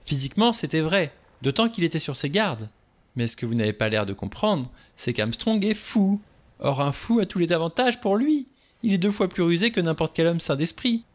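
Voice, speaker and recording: A man doing a shrill, frightened young woman. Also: very animated, normal speed. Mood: desperate. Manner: pleading, high-pitched, trembling. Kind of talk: audiobook character reading.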